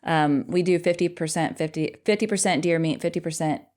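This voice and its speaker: A middle-aged woman with a somewhat low voice co-hosting a podcast. She chats casually with her husband, wanders into rambling asides and laughs easily. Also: a little fast, darkish tone. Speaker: podcast co-host.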